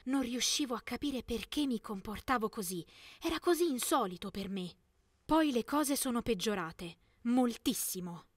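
Young woman narrating with a higher-pitched voice. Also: animated, normal speed, no echo, clean studio sound. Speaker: narrator of an animated story, as a teenage girl. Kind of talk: scripted first-person story narration.

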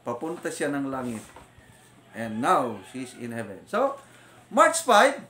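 An older man from the Philippines with a Filipino accent, a retired officer telling his faith story as a vlogger in animated storytelling that switches between Tagalog and English. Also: mid-range voice, slow. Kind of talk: casual spoken testimony. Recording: roomy echo.

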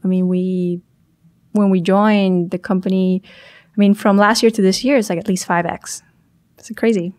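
Speaking into a boom mic in a small studio, a young woman from Chile who founded a startup gives a podcast interview. Her darkish voice stays steady at a normal pace as she thinks aloud, frequently starting over and self-correcting.

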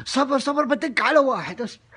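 A young man plays a furious father who bellows stammering threats down a prank call, his voice pitched unusually high. The sound is close and direct, recorded on a phone held at arm's length in a small indoor room. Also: lively intonation, fast talker, bright, forceful tone, full character voice. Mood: threatening. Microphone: phone camera at arm's length.

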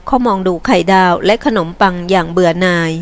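A woman narrating a novel as an audiobook reader, with a steady, measured reading. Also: fairly low pitch.

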